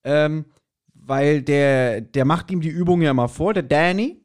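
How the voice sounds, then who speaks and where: A podcast co-host, male with a slightly high voice, casually retells an audio drama episode at an unhurried pace. He acts out the quoted lines as he goes along.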